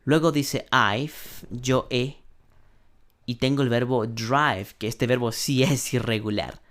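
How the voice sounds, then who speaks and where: A man leads an online English grammar class at an unhurried, deliberate pace. He walks through each exercise step by step and translates every example. He draws out the English sentences slowly so learners can repeat them. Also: medium pitch, a bit bright. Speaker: English teacher.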